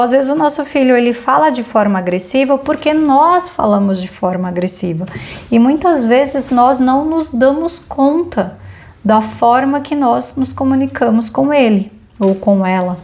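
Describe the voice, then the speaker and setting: A woman's voice: fairly high pitch, darkish tone. A woman teaching a parenting course module, talking earnestly and asking the listener rhetorical questions.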